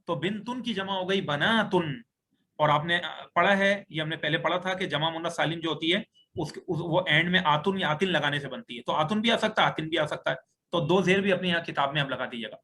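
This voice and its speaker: A man's voice: fairly high pitch, bright, forceful tone. A man teaching an online Arabic grammar lesson on a video call, patiently explaining step by step as he writes. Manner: patient, explains step by step while writing on screen.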